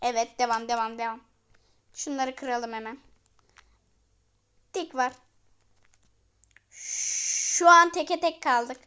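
A woman giving live gameplay commentary as a channel host, excitable and chanting repeated words at the game while talking to the viewers as friends. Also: a little high, slow, long pauses, smooth.

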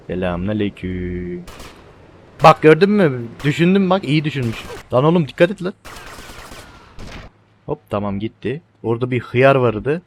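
Excitable man narrating his gameplay. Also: medium pitch, slight background noise. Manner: excitable, swears, addresses viewers as friends. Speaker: let's play gamer. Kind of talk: casual gameplay commentary.

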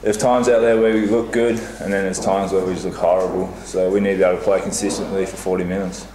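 A man's voice: low voice, little pitch movement, fast, a crowd in the background. A young man, a basketball player answering press questions in a plain, matter-of-fact way. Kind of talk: post-match press conference. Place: small press room before a sponsor backdrop. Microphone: table mic on a stand. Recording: echoey room with faint hiss.

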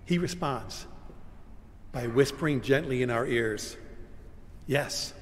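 An older man preaching a sermon from a pulpit, dramatic, moving from loud cries to hushed whispers. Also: mid-range voice, slow pace. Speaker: pastor. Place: large church sanctuary, standing at a pulpit. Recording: long church reverb, faint room hum.

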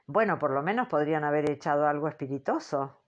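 A woman voicing a brash, teasing male spirit in an audiobook, booming and mocking in manner. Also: lively intonation, fast talker, lo-fi sound. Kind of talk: audiobook character voice.

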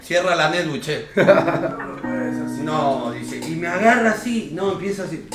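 A man's voice: a little high, slow, over music. A young man with an Argentine Rioplatense accent, telling an anecdote in casual chat and acting out the quoted lines with lots of slang. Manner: animated, slangy, acts out quoted dialogue. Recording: echoey room.

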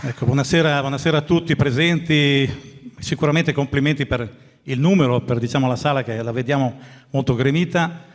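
A man's voice: mid-range voice, a little fast. A man greets and thanks the organizers and audience in a formal, courteous tone from a theatre stage. A long reverb hangs behind his words. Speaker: invited speaker.

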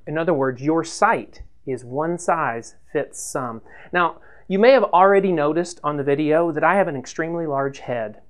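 A man in his fifties giving a standing whiteboard lesson in a small room, talking animatedly and gesturing as he explains. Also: fairly high pitch. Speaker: church web consultant presenter.

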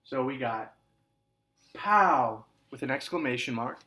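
A man teaching kindergarten and first grade in a recorded video lesson. He repeats each point slowly and clearly for young children, calling them scholars, and gives example sentences a lively, sing-song emphasis. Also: medium pitch.

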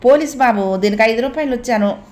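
A woman voicing a lying male street thug in a Telugu audio novel, loud and accusing. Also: fairly high pitch, fast, natural voice. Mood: sneering.

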